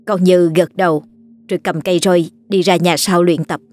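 A woman with a Southern Vietnamese accent narrating a ghost story in a steady, plain way. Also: lowish voice, normal speed.

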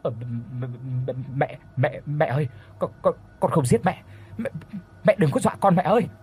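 A man's voice: a little high, expressive, fairly quick, darkish tone, breathy edge, pitched above the performer's own voice. A man voicing a terrified village wife who stammers and pleads with a ghost. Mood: terrified pleading.

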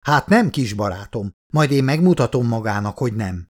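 An enraged old minister who shouts and blusters, as a male audiobook narrator puts him on. His voice sits higher and louder than the narration. He sounds indignant and overbearing. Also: animated, close to an everyday voice. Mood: furious. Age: older. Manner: shouting, outraged.

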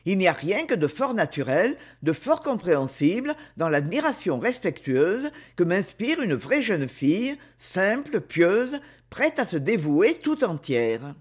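A man reading aloud and voicing a proud young duke who speaks with calm, dry irony, in a lively, varied voice. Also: high-pitched, unhurried, slightly rough, heavily acted. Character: proud ironic young duke, aloof and grave.

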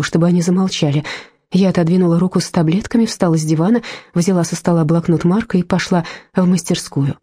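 A woman reading a first-person story aloud in a calm, measured way. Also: fairly low pitch, slightly rough, dry recording. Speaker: audiobook narrator. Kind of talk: first-person audiobook narration.

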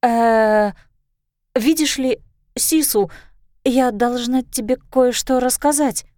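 A woman reading a storybook, voicing an earnest, careful young heroine in a steady voice. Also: a little high, slow pace, no room sound, studio quality.

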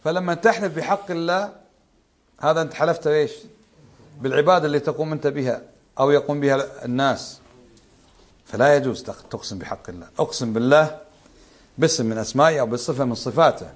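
A man teaches a religious lesson, his voice sitting a little high. He talks fast and conversationally, often stopping to quiz his listeners with rhetorical questions. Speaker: Islamic scholar teaching a book.

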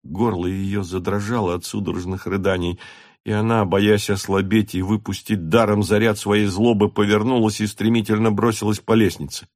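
A man narrating a classic novel aloud in a measured, expressive reading. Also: on the low side, no echo, clean studio sound. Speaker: audiobook narrator. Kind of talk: scripted narration.

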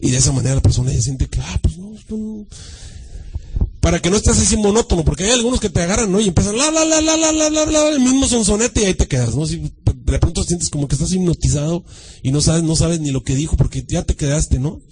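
A male pastor preaching a sermon, dramatic, swinging from shouts to a hushed voice and mimicking churchgoers. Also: fairly high pitch, expressive, fast, a little hiss or hum, rough recording.

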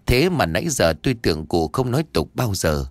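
A man narrating a first-person audiobook story in a lively way. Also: fairly low pitch, fairly quick, no room sound.

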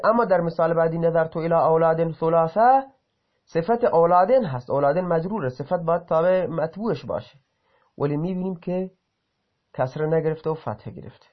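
In this Arabic grammar lesson, a man with a slightly high voice reads example sentences before explaining them, sometimes cutting off mid-word to fix what he said. Audio quality is dull and lo-fi.

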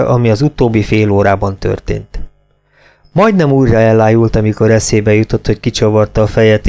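A man reading an audiobook in a steady, measured narration. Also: lowish voice, clear, resonant tone.

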